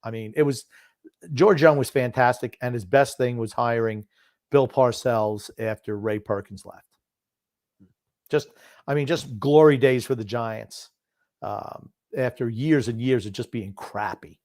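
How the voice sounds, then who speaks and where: Known as the grumpy old man, this older sports talk host speaks unhurriedly in a medium-pitched, darkish voice. He chats about sports casually, drifts into memories, holds firm opinions and repeats key phrases to stress them. The recording is dry, with hardly any room sound.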